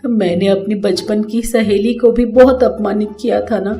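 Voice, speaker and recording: A woman's voice: mid-range voice, steady tone, moderate pace, warm tone, soft background music, lightly acted. A woman voicing a proud, newly rich older mother who talks down to others in a cartoon story. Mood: remorseful. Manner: boastful and scolding, later remorseful.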